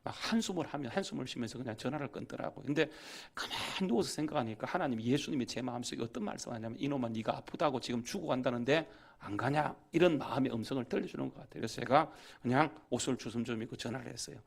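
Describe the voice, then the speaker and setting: A man's voice: medium pitch, rapid-fire, vocal fry, few pauses, husky. A man preaching a storytelling sermon as a guest pastor in a church, acting out the voices in his story and rising to emphatic exhortation. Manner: animated, acts out dialogue, rising to emphatic preaching. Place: church sanctuary.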